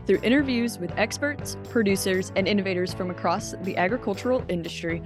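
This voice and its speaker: A young woman hosting a podcast, reading a clear upbeat intro and asking questions. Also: medium pitch, fairly quick, music in the background. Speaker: podcast host. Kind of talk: scripted intro then interview.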